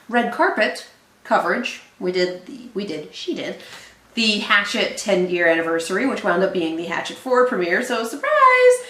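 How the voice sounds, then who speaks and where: A chatty woman talks casually as co-host of a reaction show, mid-pitched and thinking out loud. Her voice rings in an echoey room. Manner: chatty, thinks aloud, quick asides. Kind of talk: casual chat.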